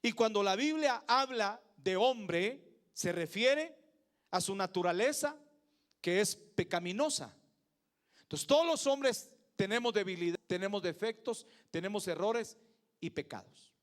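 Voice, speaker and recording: A high-pitched man preaching in a Mexican accent. He delivers a sermon emphatically, swinging from loud, driving peaks down to low asides. He keeps checking in with the congregation for agreement. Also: animated, measured pace.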